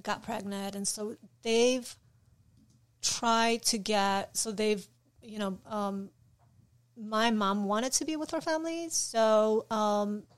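A young woman from Poland with a Polish accent, an artist guest speaking in a reflective, hesitant way in a casual interview. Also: medium pitch.

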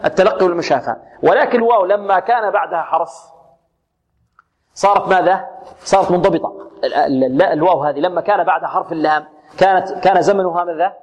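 A man with a fairly high voice teaches Quran recitation, posing questions and answering them himself. He stretches out letters and words slowly as examples. The recording is dull and lo-fi, like an old radio broadcast. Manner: repeats sounds and words slowly, drawing them out. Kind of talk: tajweed lesson with recited examples.

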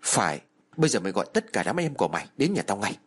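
A man voicing a stern middle-aged husband who is protective of his wife and gruff in his orders. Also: on the low side, sing-song, fast. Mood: vengeful. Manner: gruff, commanding.

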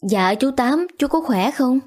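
An anguished young wife in a spoken storybook, as a woman puts her on, pitched a little high. She presses her questions in an accusing way. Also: animated, measured pace, darkish tone. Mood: polite. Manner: pleading, then accusing. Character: young wife, grief-stricken and furious.

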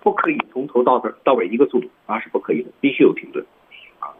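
A male guest teacher explaining English voice-over delivery, modelling lines with drawn-out stress, a little off-mic. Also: medium pitch, expressive, noisy background. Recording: dull lo-fi radio sound, voice a bit off-mic.

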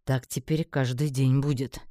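A sarcastic male mage from a fantasy audiobook, as the reader puts him on, dry and mocking with a cool edge. He speaks at a middling pitch in a very dry, close sound. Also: level tone, moderate pace, dark tone, dry recording, natural voice.

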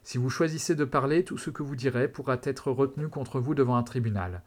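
A man voicing a deranged giant cop in a read-aloud story, speaking in a flat robotic voice that breaks into screaming. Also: medium pitch, brisk, natural voice.

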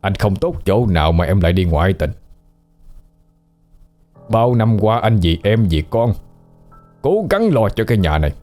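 A man's voice: lowish voice, sing-song, normal speed, pauses often, warm tone, soft background music. A man voicing a hot-tempered gangster husband, harsh and scolding. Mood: hurt accusing.

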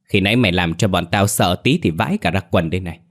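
A man's voice: low voice, fast. A man doing a blunt scared village boy. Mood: shaken.

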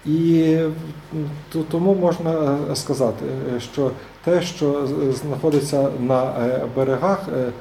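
A man's voice: fairly high pitch, steady tone, unhurried, dark tone, a little hiss or hum. A man giving an academic seminar lecture, hesitant, with many filler sounds and restarts. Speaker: seminar speaker. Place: seminar room. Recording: echoey room.

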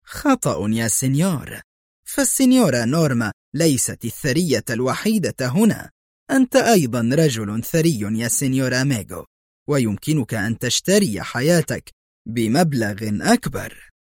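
A man voicing a greedy, nervous male prison boss who wheedles and turns shrill when angered, in a storybook reading. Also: big pitch swings, moderate pace, a little mellow, no echo, clean studio sound. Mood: scheming.

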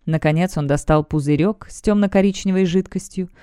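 A woman narrating a fantasy novel as an audiobook in an even storytelling delivery. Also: lowish voice, brisk, clear, resonant tone, no echo, clean studio sound. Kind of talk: scripted narration.

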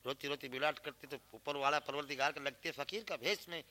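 Pitched fairly high and sharp in tone, this man talks a little fast as he performs a folk tale, alternating speech with sung verse. He poses questions only to answer them himself, captured on cassette in the field alongside instrumental music.

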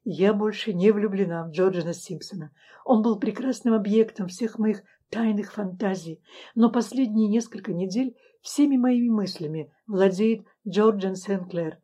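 Woman reading emotional young woman in love, heartfelt, warm, husky, audiobook. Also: medium pitch, normal speed, close to an everyday voice.

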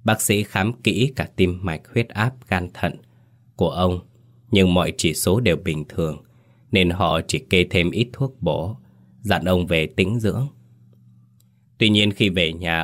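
Deep-voiced man narrating a ghost story. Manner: grave, measured storytelling. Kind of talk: scripted horror narration. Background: faint music.

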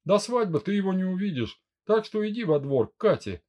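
A man doing a gruff, bossy older brother. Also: high-pitched, big pitch swings, brisk, darkish tone, highs cut off, voice pushed up. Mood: gruff commanding. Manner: growling, commanding. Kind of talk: audiobook character voice.

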